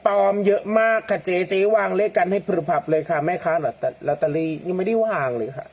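A man hosting a lottery livestream, chatting casually, reading out viewer comments and using soft feminine polite particles. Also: high voice, fast. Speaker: lottery-number livestream host.

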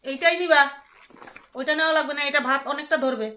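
A woman's voice: sits high, steady tone, fast, sharp tone, a little hiss or hum. A woman, chatting casually as she unboxes items and teases her husband. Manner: teasing, bickering with her husband. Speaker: vlogger. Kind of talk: casual home vlog, unboxing.

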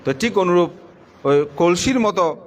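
A middle-aged Buddhist monk delivering a sermon to lay followers in a plain, conversational way, his voice sinking low as he finishes each point. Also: animated, moderate pace. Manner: plain conversational preaching, pitch drops at the end of points.

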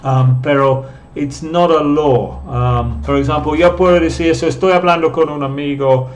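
Slow, patient male teacher. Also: fairly high pitch, steady tone, slight background noise. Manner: patient, explains step by step and reads out viewer comments. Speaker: English teacher. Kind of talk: live online lesson.

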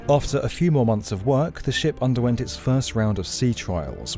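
A man with a dark, mid-range voice delivers scripted documentary narration as a studio voice-over. He sounds clear and explanatory, lightly conversational.

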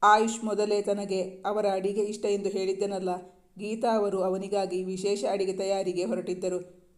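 A man narrating a romance novel in a steady, measured reading style. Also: high voice. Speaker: story narrator. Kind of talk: scripted storybook narration.

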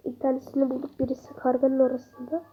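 A woman's voice: high voice, monotone, fast, muffled recording, slight background noise. A woman with a stuffy nose, rambling, swearing and muttering nervously as she comments on her gameplay. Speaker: gamer. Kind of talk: let's-play commentary.

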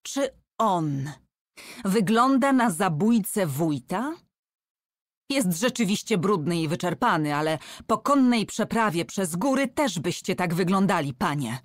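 A woman voicing a defiant young countess, high and agitated. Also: big pitch swings, unhurried, no room sound, studio quality. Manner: agitated, raised and pleading.

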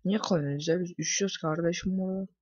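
A man's voice: high-pitched, fairly even intonation, quick pace, husky, dry recording. A young man, likely a teenager, commenting casually on his gameplay, swearing often and ranting at the game. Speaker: gaming YouTuber. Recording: muffled lo-fi home recording.

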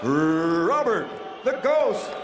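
A man announcing boxers in the ring with theatrical, drawn-out delivery that builds toward shouted names. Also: high voice, very animated. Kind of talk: boxing ring introductions. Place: large indoor boxing arena. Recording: echoing arena PA with crowd noise.

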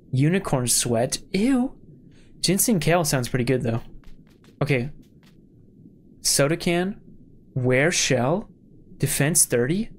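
A man's voice: on the high side, a little hiss or hum. A young man giving casual, exclamatory let's-play commentary as a gaming host. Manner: excitable, exclamatory. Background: game music.

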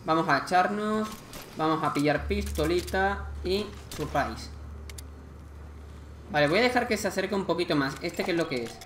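A man with an accent from Spain, casually commenting on a game he plays, chatty and excitable with lots of slang. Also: high-pitched, normal speed, echoey room, noisy background. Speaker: gameplay commentator.

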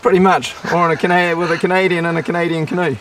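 A man's voice: high voice, little pitch movement, very fast, a bit bright, a little hiss or hum. A middle-aged man with a broad New Zealand accent, chatting casually and explaining things as a river guide outdoors. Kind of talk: casual instructional chat.

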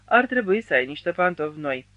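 A man's voice: sits high, sing-song, no room sound, dull audio. A man reading as a caring, affectionate wife. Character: caring resourceful wife, adult woman.

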